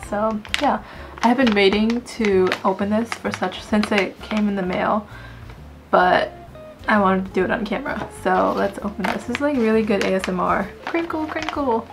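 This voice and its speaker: A woman's voice: mid-range voice, fairly even intonation, moderate pace, vocal fry, music in the background. A woman beauty vlogger giving a casual, jokey product review to camera, chatting and giggling.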